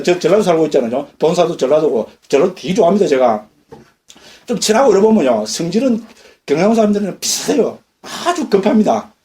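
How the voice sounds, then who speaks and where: Monk, middle-aged man, high voice, mellow tone, lively lecture style. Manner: lively, questions the audience often. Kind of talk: dharma lecture. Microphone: lecture recording.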